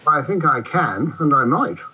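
A man playing a pompous, breezy British army general with a husky voice over a radio link in a comedy. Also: fairly high pitch, animated, moderate pace, sharp tone, heavily acted. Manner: pompous, breezy, clipped, condescending. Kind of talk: comedy radio character acting. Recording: dull radio-like line.

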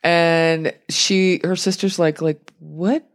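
A young woman talks casually with a friend, walking through what happened on a reality show. She keeps it chatty and animated, and her voice sits a little low. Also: normal speed. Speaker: podcast co-host recapping reality TV. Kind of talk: casual chat.

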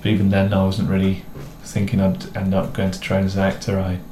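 Low-voiced and brisk, this co-host is a young adult Midlander whose English accent is mixed and a bit posh. He keeps the chat relaxed and rambling, joking at his own expense, while the room echoes with faint background noise.

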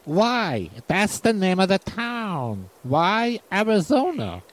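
A man's voice: high voice, big pitch swings, takes it slowly, heavily acted. A man playing an eager, simple Western deputy with a limp. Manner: eager, folksy.

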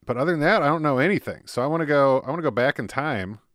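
A man's voice: fairly high pitch, expressive, rapid-fire, a bit bright, dry recording, studio quality. A man hosting a podcast interview, talking casually with lots of fillers, restarts and laughs. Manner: chatty, laughs often, many fillers and restarts. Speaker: podcast host.

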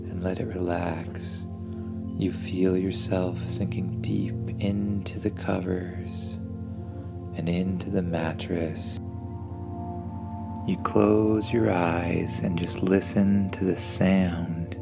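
A man narrating a bedtime story and guided relaxation in a soothing, hushed, unhurried manner. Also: low voice, gravelly.

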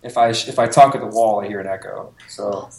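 A man's voice: fairly low pitch, quick pace, gravelly, darkish tone, reverberant, slight background noise. A laid-back, joking male podcast co-host whose voice sounds hollow, like inside a metal tank, recorded in a tiled room at home. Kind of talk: casual chat.

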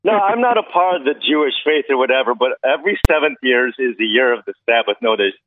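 A man calling a radio show, explaining in a hurried, halting way. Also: medium pitch, expressive. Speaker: phone-in caller. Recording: dull lo-fi phone call.

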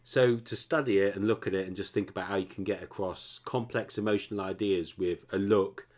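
Deep-voiced man chatting about films. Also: brisk. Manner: rambling, animated, asks "you know what I mean?". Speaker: podcast co-host. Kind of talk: casual chat about films.

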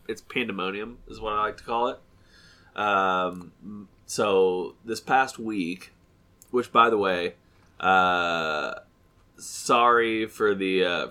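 A fairly low-pitched man in his thirties, his voice pushed, bright, stuffy and nasal, co-hosts a casual chat podcast. He rambles and keeps correcting himself.

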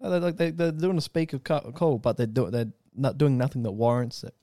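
Brash co-host, dark, warm tone, dry close recording, swears freely. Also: male voice, mid-range voice, a little fast, no room sound. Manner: loud, swearing, laughs often. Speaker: podcast co-host. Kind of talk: crude casual banter. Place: house.

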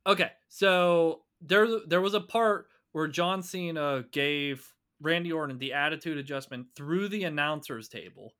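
A man's voice: fairly high pitch, unhurried, hardly any pauses, a bit bright. A man, co-hosting a casual podcast chat and talking animatedly, swearing and bragging about his trivia. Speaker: podcast co-host.

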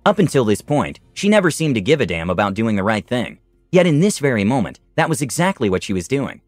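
A man's voice: mid-range voice, big pitch swings, fairly quick, dry recording, faint music behind. A man narrating his tabletop campaign as a dramatic story.

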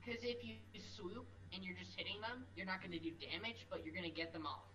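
A woman's voice: lowish voice, a little fast, sharp tone, low-quality recording. A woman casually running a tabletop role-playing game as game master.

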